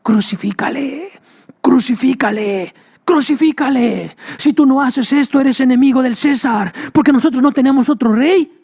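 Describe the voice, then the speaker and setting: A man voicing an angry shouting crowd that chants over and over, in a sermon. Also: very high-pitched, moderate pace, creaky, slightly rough, voice pushed up, full character voice.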